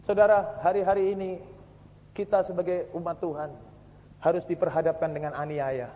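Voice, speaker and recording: A male pastor, preaching a dramatic sermon that swings from hushed telling to shouting. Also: on the high side, level tone, moderate pace, muffled recording. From Indonesia. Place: large church hall. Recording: echoey church hall recording.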